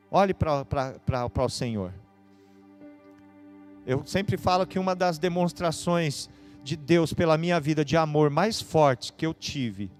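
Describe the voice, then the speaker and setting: A man preaching a sermon as pastor, with a São Paulo Brazilian accent, swinging between hushed and loud passages. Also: fairly high pitch. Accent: Brazilian Portuguese, São Paulo.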